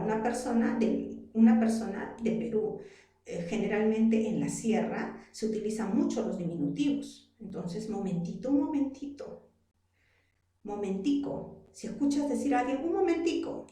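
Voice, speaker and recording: A woman's voice: fairly high pitch, warm tone. Peruvian woman teacher in an echoey room. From Arequipa, Peru. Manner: explains patiently, asks the students rhetorical questions. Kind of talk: classroom lesson. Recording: very echoey room, voice far from mic.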